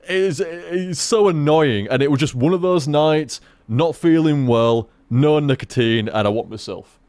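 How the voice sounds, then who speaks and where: A man rambling through casual gameplay commentary, swearing freely and talking in an animated way. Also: a little high, unhurried, no room sound. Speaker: gaming commentator.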